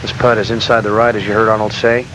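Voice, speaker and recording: A man's voice: lowish voice, level tone, fast, fairly bright tone, slight background noise, poor audio. A man giving conversational colour commentary as a golf commentator on a live broadcast.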